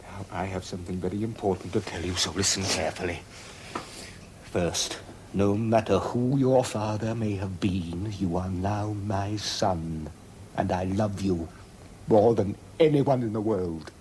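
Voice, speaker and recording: An aging Roman emperor and anxious father with a deep, low voice and a halting, hesitant delivery. A faint hiss runs under it, like an old television drama soundtrack. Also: a little mellow. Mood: urgent. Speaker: actor in a television period drama. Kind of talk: 1970s television drama acting.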